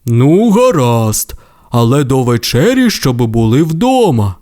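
A man voicing a kindly father T. rex dinosaur in a storybook, in a calm, fatherly way. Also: medium pitch, takes it slowly. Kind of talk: storybook voice acting.

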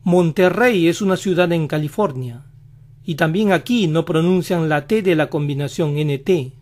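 A man teaching pronunciation in a slow instructional style, repeating each example word several times. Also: on the high side, darkish tone. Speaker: language teacher.

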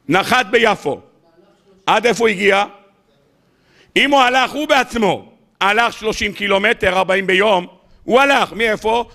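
A lively rabbi preaching a weekly sermon. His voice is high and ringing, and he questions his listeners as he talks. He switches between retelling the story and acting it out with humor. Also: vocal fry. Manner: animated, rhetorical questions to the audience; humorous, acts out scenes.

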